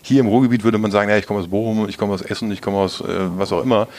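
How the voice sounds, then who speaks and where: A man in his fifties from East Westphalia, talking as an interview guest in a hesitant, measured way with many filler sounds. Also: fairly low pitch, fairly even intonation, darkish tone. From East Westphalia, Germany. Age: 50s. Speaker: interview guest, business executive. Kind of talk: casual interview talk.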